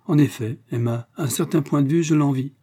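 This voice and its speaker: A male narrator voicing a serious, reserved gentleman in an audiobook, speaking with grave sincerity. The voice stays dark and mellow, with a husky edge. Measured and earnest, never showy. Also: fairly high pitch, pitched above the performer's own voice, close to an everyday voice. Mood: musing. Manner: grave and earnest, rising in warmth. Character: earnest, reserved gentleman suitor, grown man. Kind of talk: audiobook character reading.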